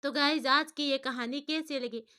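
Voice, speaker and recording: A woman telling a family story in a steady, expressive storybook narration. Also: high voice, normal speed.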